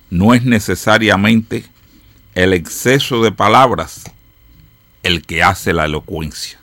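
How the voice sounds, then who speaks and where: A man hosting a radio program, reading reflective stories in a slow, measured way with dramatic pauses and falling line endings. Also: fairly low pitch, fairly bright tone, dry recording. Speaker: radio host.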